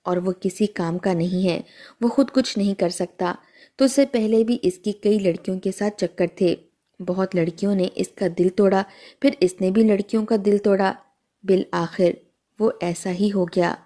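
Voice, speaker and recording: A woman's voice: medium pitch, steady tone, dark tone. A woman telling a sad first-person story in a somber, scripted narration.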